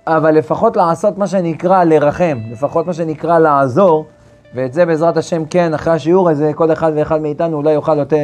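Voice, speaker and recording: A man giving a Torah lesson as a rabbi, slowly chanting verses and repeating phrases with restarts. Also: on the high side, darkish tone.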